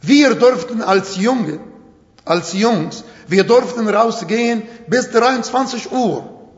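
A middle-aged preacher, a native Arabic speaker, delivers a slow, emphatic and expressive sermon in imperfect, Arabic-accented German with a fairly high voice. The sound is dull and carries a long hall reverb, like a church hall.

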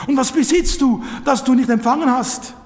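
A man's voice: extremely high pitch, moderate pace, darkish tone, reverberant, big-room sound. A man preaching a sermon, emphatic, his voice rising and dropping sharply for effect.

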